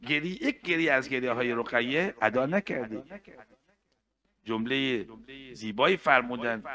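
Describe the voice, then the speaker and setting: A man with a mid-range voice delivers an emotional mourning sermon. He shifts between hushed, tender passages and loud, chanted lament.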